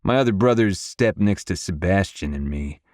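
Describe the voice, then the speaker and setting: A man narrating a romance audiobook in first person, in a gruff, brooding manner on a close studio mic. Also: sits low, lively intonation, normal speed, darkish tone, no echo.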